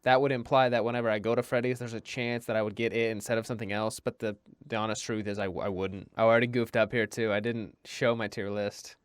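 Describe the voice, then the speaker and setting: A man's voice: fairly low pitch, flat delivery, quick pace, few pauses, clean tone, no echo, clean studio sound. A young man talking casually over his own video as a food reviewer, chatty and self-deprecating, rambling with restarts.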